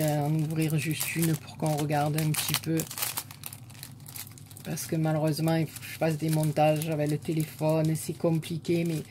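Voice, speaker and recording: A woman with a southern French accent, a scrapbooking vlogger softly admiring crafts one by one in a casual show-and-tell chat. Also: low-pitched, a little hiss or hum.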